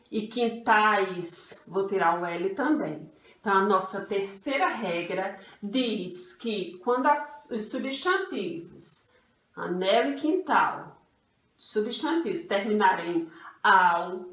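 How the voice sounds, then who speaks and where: A woman's voice: medium pitch, animated, fairly bright tone. A Brazilian woman teaching an online grammar lesson to young children, patient and repetitive, calling herself "tia". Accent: Brazilian Portuguese. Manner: patient, refers to herself as "tia", repeats rules slowly. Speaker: primary school teacher. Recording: echoey room, voice from a distance.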